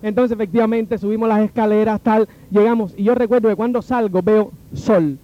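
A man's voice: high voice, brisk, lo-fi sound. A man from Cuba with a Cuban Spanish accent, telling a personal story and acting out the voices of the people in it. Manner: animated, acts out the dialogue of the people in his story.

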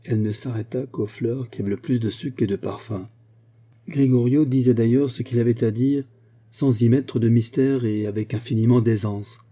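A man reading a romantic short story aloud, measured and expressive, giving the dialogue its own voice. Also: medium pitch, breathy edge. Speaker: audiobook reader. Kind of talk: literary narration.

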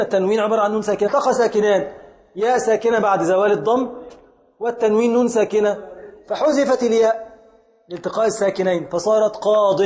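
A man with an Egyptian accent teaching grammar in a lecture, deliberate, repeating his points and quizzing the students. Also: high-pitched, darkish tone. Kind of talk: classroom lecture. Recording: echoey hall reverb.

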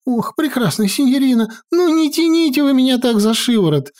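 A woman voicing a jittery, cowardly male sorcerer who pleads and frets in a high, whining patter. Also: very animated, fairly quick, darkish tone. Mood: fearful pleading.

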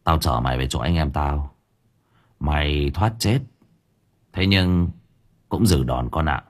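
A man's voice: very deep voice, takes it slowly, voice pushed down. A man voicing a grim young man turned gangster, speaking coldly and threateningly. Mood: menacing. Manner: cold, threatening.

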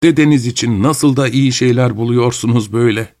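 A man's voice: mid-range voice, darkish tone, dry recording, clean studio sound, lightly acted. A man doing a shaky-voiced rambling old grandfather. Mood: delighted. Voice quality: trembling voice. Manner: slow, rambling and plaintive. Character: trembling old grandfather, talkative and grumbling.

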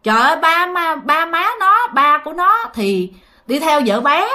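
A woman's voice: high voice, big pitch swings, unhurried, pushed and bright, voice pushed up, heavily acted. A woman voicing an older male neighbor who tells what happened to the family, in a Southern Vietnamese accent. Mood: earnest. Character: older man neighbor telling a sad tale.

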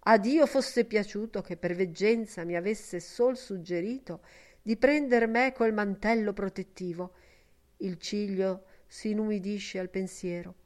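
Woman reading as a sighing lovesick gentleman. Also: mid-range voice, a little slow, lightly acted. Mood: lamenting. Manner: ornate, emotional old-fashioned speech.

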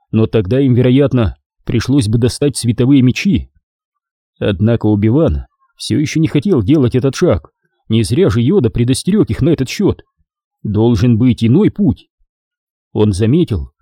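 A male audiobook narrator with a husky, mellow voice whose pitch moves lively through each sentence. The reading is measured and expressive, recorded dry and close with no room sound. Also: no room sound. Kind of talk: scripted narration.

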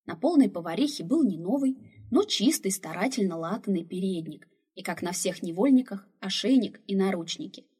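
A woman reads a fantasy story aloud, steady and expressive, at a middle pitch. Her voice carries a husky, breathy edge. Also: moderate pace. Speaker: audiobook narrator. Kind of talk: storybook narration.

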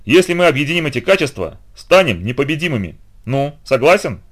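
A man voicing a brutal, boastful male warrior demigod in an audiobook, loud and threatening. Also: on the high side, lively intonation, a little fast, voice pushed up, natural voice. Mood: boastful menace.

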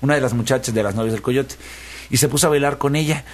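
A man telling a folk tale in a lively, playful way, building rhythm through repetition. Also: mid-range voice, fast talker. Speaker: storyteller. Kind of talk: animated folk-tale storytelling.

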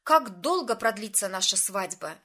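A woman's voice: mid-range voice, expressive, moderate pace, bright, forceful tone. A woman voicing an easygoing young man who keeps asking baffled questions in a storybook reading. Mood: puzzled.

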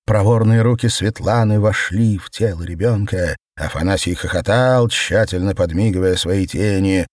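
A man narrating surreal prose in a measured, theatrical audiobook reading. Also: low voice, darkish tone, no room sound, studio quality.

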